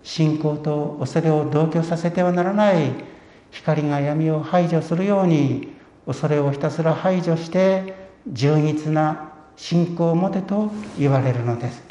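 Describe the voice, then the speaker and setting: A man's voice: a little high, unhurried, dark tone. Earnest male preacher in an echoey room. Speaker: pastor. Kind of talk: sermon. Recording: echoey room, dull lo-fi sound.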